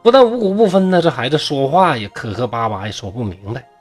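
Husky Northeastern Mandarin storyteller. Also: male voice, medium pitch, animated, fast, soft background music. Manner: chatty asides to listeners. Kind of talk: humorous folk-tale storytelling.

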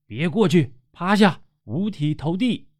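A man's voice: mid-range voice, very animated, takes it slowly, a little mellow. A man voicing a middle-aged woman exorcist who barks commands and chants spells in a storytelling narration. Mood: commanding.

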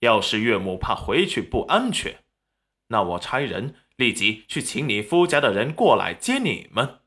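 A man's voice: medium pitch, big pitch swings, normal speed, fairly bright tone. A man voicing a cold, composed young husband who dismisses his in-laws curtly. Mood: icy. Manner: icy, clipped.

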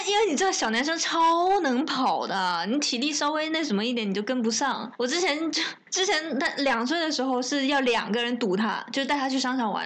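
A woman co-hosting a podcast, talking in animated casual chat with frequent laughs. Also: high-pitched. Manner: animated, laughing, quick asides. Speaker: podcast co-host.

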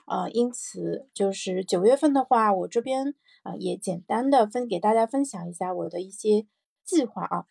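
A woman's voice: mid-range voice, moderate pace, vocal fry, warm tone, husky, no room sound, clean studio sound. A woman hosting a personal morning audio show, talking casually and reflectively, thinking aloud with repeated phrases and little check-in questions. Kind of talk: casual reflective solo podcast talk.

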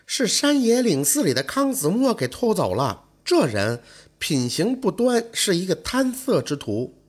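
A man's voice: high voice, wildly swooping pitch, a little slow, husky, pitched above the performer's own voice, heavily acted. A man putting on a teasing young fox spirit woman. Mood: spiteful. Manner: coaxing, teasing, later spiteful. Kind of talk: storytelling role voice.

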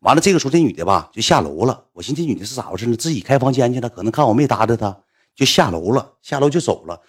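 A man with a Northeastern Mandarin accent telling a story in casual chat, animated and acting out the voices of the people in it. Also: mid-range voice, rapid-fire, husky. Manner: animated, acts out quoted voices.

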